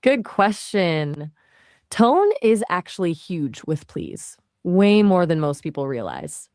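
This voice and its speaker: A synthetic woman's voice, a fairly low AI assistant that answers questions in an easygoing, conversational manner. She talks in a chatty way with casual fillers. The sound is close and dry, with no room around it. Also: darkish tone, dry recording.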